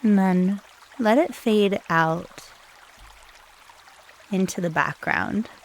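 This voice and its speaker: A woman guides a meditation in a soothing, unhurried manner, speaking in short phrases separated by long pauses. Her voice is mid-range, and there is slight background noise.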